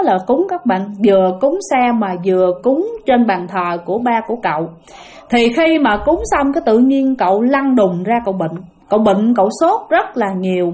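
A woman with a Southern Vietnamese accent tells ghost stories in a chatty, casual way. Her voice sits fairly high, and she fills her speech with little fillers as she talks to her listeners. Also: darkish tone. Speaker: storyteller. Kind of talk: casual spoken ghost storytelling.

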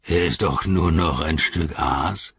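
A man voicing a sneering low orc soldier. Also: a bit bright, slightly rough, dry recording, highs cut off, exaggerated voice. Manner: slow, heavy, sneering delivery. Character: sneering male orc soldier, mocking and sly.

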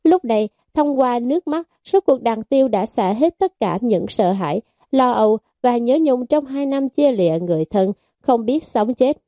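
A woman giving steady, scripted audiobook narration of a fantasy novel. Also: fairly high pitch, moderate pace, no room sound, studio quality. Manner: steady storytelling.

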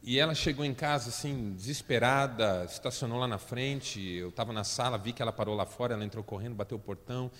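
A man with a Brazilian Portuguese accent gives a storytelling talk, lively and dropping joking asides between his points. His voice sits at an ordinary middle pitch for a man. A long hall reverb trails behind every phrase. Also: fast, few pauses. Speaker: motivational speaker.

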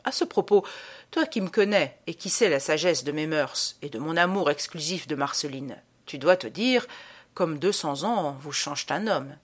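A woman reading the part of a Parisian man recounting a roguish tale in an audiobook, with lively playful storytelling. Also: low-pitched, normal speed, husky. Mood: amused.

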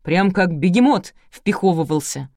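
A woman's voice: on the low side, lively intonation, normal speed, a little mellow, no echo, studio quality. A woman doing a bossy, folksy uncle. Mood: storytelling. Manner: commanding, folksy. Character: middle-aged uncle, bossy family man.

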